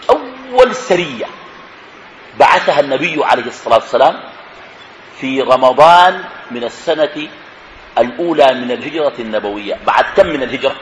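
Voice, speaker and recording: A man's voice: on the high side, a little hiss or hum. A man teaching religious history, asking his listeners questions and then answering them himself. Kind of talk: lecture on prophetic history. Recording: echoey room.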